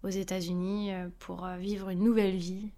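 A woman in her thirties, a podcast guest telling her own story in a chatty, lively way with frequent hesitations. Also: medium pitch, moderate pace. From France. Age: 30s. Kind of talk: casual interview storytelling.

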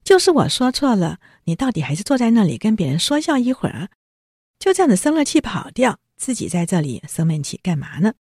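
A woman's voice: low-pitched, expressive, brisk, hardly any pauses, mellow, slightly rough, no echo, clean studio sound. A woman voicing a young man who earnestly pleads and placates. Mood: pleading.

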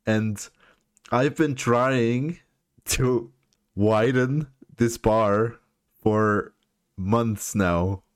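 A man co-hosts a casual podcast, playfully teasing and laughing as he talks. His voice sits at a middle pitch, and the recording sounds close and dry. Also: drawn-out words, long pauses, no echo. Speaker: podcast co-host. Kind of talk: casual chat. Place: home, on a voice call.

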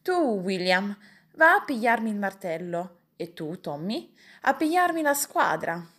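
A woman's voice: medium pitch, big pitch swings, measured pace, husky, heavily acted. A woman voicing a fussy, bossy middle-aged uncle who barks orders at his household in a storybook reading. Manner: loud, raised, exasperated barking of orders. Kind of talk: audiobook character voice.

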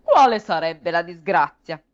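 A woman's voice: on the low side, very animated, unhurried, dull audio, a little hiss or hum. A woman voicing a sleepy, easily alarmed old tsar in a storybook reading, giving commanding exclamations. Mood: drowsy.

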